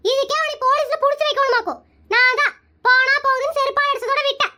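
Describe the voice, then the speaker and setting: A performer voicing a bold, sharp-tongued village wife in an animated comedy cartoon, answering back with quick defiant comebacks. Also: very high voice, full character voice.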